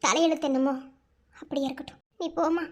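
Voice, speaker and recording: A woman voices a weary, resigned young village woman in a cartoon, speaking with a Madurai accent. Her voice sits very high and thin, heavy with bitterness. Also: fairly even intonation, a little fast, a little mellow, natural voice. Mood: bitter resigned. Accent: Madurai Tamil. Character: sorrowful young village bride forced into engagement. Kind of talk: cartoon voice acting.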